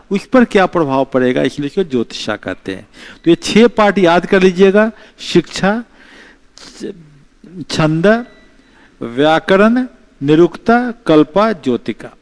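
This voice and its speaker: A man giving an exam-prep history lecture, explaining slowly, repeating key terms and mixing in English phrases. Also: a little high, smooth. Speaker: teacher.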